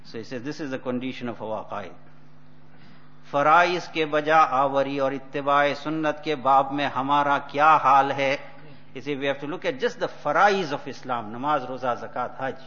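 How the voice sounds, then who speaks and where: Higher-voiced male preacher, muffled recording. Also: a bit bright. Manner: admonishing, deliberate phrasing with repeated points. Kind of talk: religious lecture explaining a text. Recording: dull lo-fi audio, faint noise.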